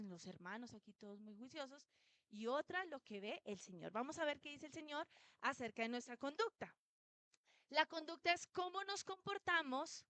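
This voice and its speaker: Bright, clear-voiced woman preaching. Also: high-pitched, no room sound. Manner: storytelling, asks the congregation questions. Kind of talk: sermon. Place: church.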